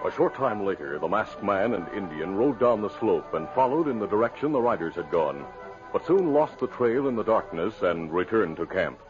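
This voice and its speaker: A man with a lowish voice and big pitch swings narrates a scripted 1950s radio western at a normal speed. The old broadcast sounds muffled, with music in the background.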